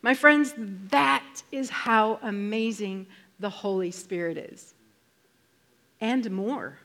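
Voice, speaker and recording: A woman's voice: mid-range voice, fairly bright tone. Woman preaching a sermon, emphatic and conversational. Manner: conversational, emphatic, with slowed stressed phrases.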